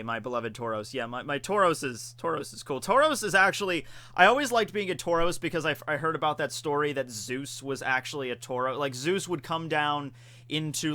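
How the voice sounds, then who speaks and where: A man's voice: mid-range voice, pushed and bright, clean tone. A man in his twenties chatting casually on a birthday live stream, reading out viewer questions and answering with frequent laughs. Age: 20s.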